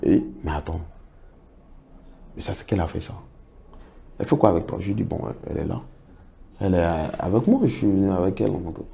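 A man's voice: low-pitched, fast talker, creaky, pauses often, warm tone, slight background noise. A middle-aged man, telling stories as a guest in a casual interview and acting out what others said to him. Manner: recounts anecdotes, acts out others' words. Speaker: interview guest, project financing consultant.

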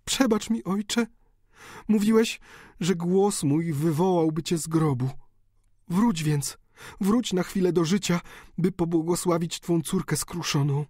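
A male audiobook reader voicing a remorseful, despairing countess in a high, pleading voice. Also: unhurried, warm tone, slightly rough, no room sound, clean studio sound. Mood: anguished pleading. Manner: pleading, anguished, high-pitched. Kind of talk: audiobook character reading.

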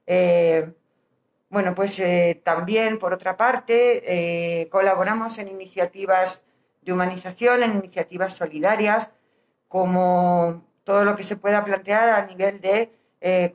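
A woman with a Castilian Spanish accent explains her work as a hospital social worker informally, with hesitant pauses, her voice slightly muffled through a face mask. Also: mid-range voice. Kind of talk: informal explanatory talk to camera. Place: small indoor hospital office.

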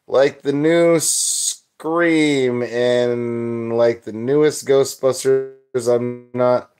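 Slow, rambling young man chatting. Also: mid-range voice, a little mellow, clean tone. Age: young adult. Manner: rambling, loose, filler-heavy chat. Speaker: livestream host. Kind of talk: casual chat reading live comments.

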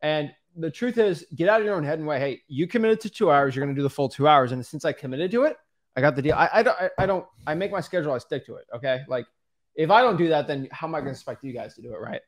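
On a casual coaching podcast shot in a studio with a backdrop, a young adult co-host talks fast and loosely into a boom-arm mic, leaning on fillers and addressing everyone as guys. His voice is slightly high with lively intonation.

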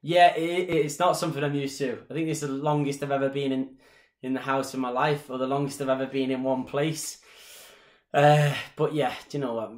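Streaming live from a small living room indoors, a man in his thirties who teaches dance chats casually with viewers and takes their questions. He has a Mancunian Irish accent and a mid-range voice, talks freely, and gestures a great deal. Audio comes from a desk-distance webcam and sounds roomy.

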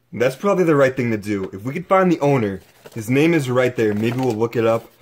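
A young man with a mid-range voice narrates his own exploration vlog, filming up close on a handheld camera and excitedly exclaiming over whatever he finds.

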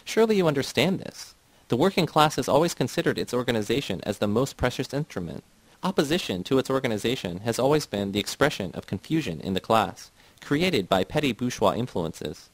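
A man's voice: mid-range voice, expressive, fairly quick, no room sound, voice pushed up, poor audio. A man reading a cold, doctrinaire party man who lectures. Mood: lecturing.

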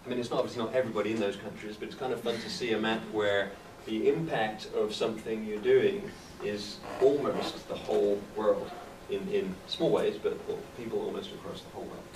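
Male presenter, low, casual asides, distant and roomy. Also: fairly even intonation, a little fast. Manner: offhand, loose, with restarts. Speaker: seminar presenter. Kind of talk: casual lecture commentary. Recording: distant mic in an echoey room, noisy.

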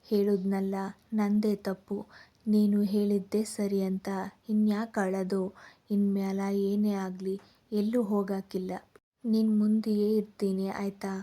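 A woman voicing a gentle, remorseful young village husband who speaks softly in rustic village speech. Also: mid-range voice, completely flat delivery, a little slow, lightly acted. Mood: tender, apologetic.

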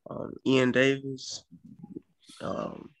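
A man's voice: mid-range voice, monotone, drawn-out words, no room sound. An American man casually introducing himself to a group on a video call.

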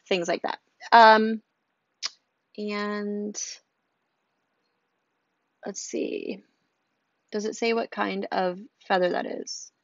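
A woman's voice: mid-range voice, no room sound, muffled recording. A woman chatting casually at home as she unboxes a subscription box, rambling and reading items aloud with asides. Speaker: unboxing vlogger. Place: room at home, storm outside.

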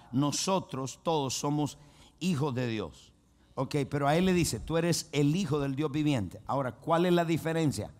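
A male pastor with a fairly high, darkish voice preaches a sermon. Again and again he restarts and repeats himself for emphasis, telling the congregation to echo phrases and say amen.

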